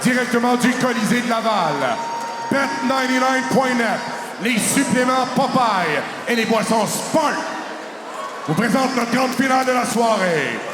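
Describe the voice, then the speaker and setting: A man's voice: very high voice, lively intonation, a little slow. A man working as a boxing ring announcer, projecting formal arena introductions and stretching out names. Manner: switches between French and English. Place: large indoor boxing arena. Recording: echoey arena PA with loud crowd. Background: crowd noise.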